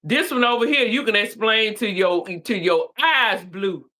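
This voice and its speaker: A woman's voice: mid-range voice, unhurried, pushed and bright. A middle-aged woman in a casual chat, speaking earnestly and affirmingly. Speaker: co-host.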